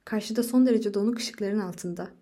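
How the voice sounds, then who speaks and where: A woman narrates a literary short story aloud in a measured, expressive reading. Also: medium pitch.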